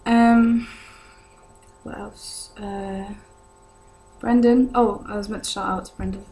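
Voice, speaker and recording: With a warm, medium-pitched voice, fairly even intonation and a slow pace, a young British vlogger answers viewer questions while soft music plays in the background. A sore throat has left her sounding lower than usual, and she talks casually and hesitantly, rambling on. Recorded at home, it's noisy with a hum.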